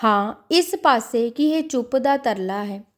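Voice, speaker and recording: A woman's voice: a little high, lively intonation. Woman reading a devotional audiobook. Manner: measured, devotional storytelling. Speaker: audiobook narrator. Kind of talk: scripted audiobook narration.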